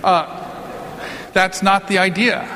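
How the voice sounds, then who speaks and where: Before a live congregation in a big church or hall, a male priest delivers a casual sermon full of conversational jokes. His high voice is bright and forceful, steady in tone and unhurried. The recording carries the long echo of the reverberant space.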